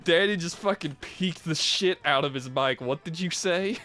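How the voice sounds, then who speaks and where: A man's voice: on the high side, moderate pace, bright, forceful tone, soft background music. A man in casual gaming chat, laughing often and guiding the others' choices. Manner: laughing, chatty, hesitant fillers.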